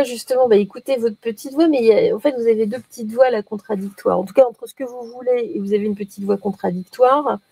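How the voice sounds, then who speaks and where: A woman's voice: fairly high pitch, gravelly, mellow, husky, dry recording. A woman giving a casual daily oracle card reading, chatty and playful, often hesitating as she talks.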